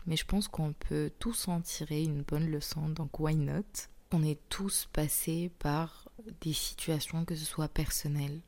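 A young woman hosting an intimate solo podcast while sick with tonsillitis, speaking softly through a very sore throat and often slipping into a breathy near-whisper. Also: deep voice. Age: young adult. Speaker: podcast host.

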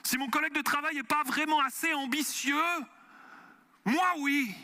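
A man's voice: extremely high pitch, moderate pace, a little hiss or hum. A man with a Swiss French accent tinged with Quebec and France, preaching a sermon as a pastor and often asking the congregation questions. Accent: Swiss French mixed with Quebec and French. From Switzerland. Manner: animated, asks the audience questions.

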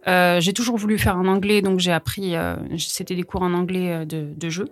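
A woman in her thirties from France, an actress chatting as an interview guest, hesitant with many fillers and quick to laugh. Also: fairly low pitch, little pitch movement. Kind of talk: casual conversational interview.

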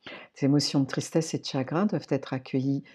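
A woman's voice: very deep voice, a little fast, darkish tone, breathy edge. A woman hosting a personal-growth podcast, talking straight to the listener in an informal, searching way with many fillers and restarts. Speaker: podcast host. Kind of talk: reflective personal-growth talk.

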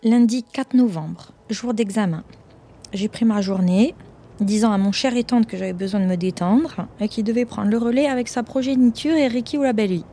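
A woman's voice: a little high, moderate pace, dark tone. A young woman narrating her own story in a conversational way, often tagging lines with "hein" and speaking straight to her listeners. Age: young adult. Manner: conversational, frequent "hein", addresses listeners directly. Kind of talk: personal storytelling.

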